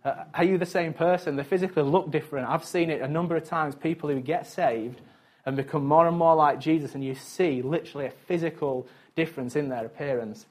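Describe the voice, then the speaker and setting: Chatty male pastor, slightly high voice. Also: brisk, darkish tone. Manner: conversational, chatty, chuckles between points. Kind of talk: sermon.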